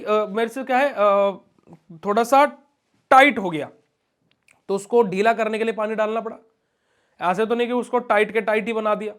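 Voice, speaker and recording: A young man giving a classroom pharmacy lecture, asking questions of his students and answering them himself. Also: very high-pitched.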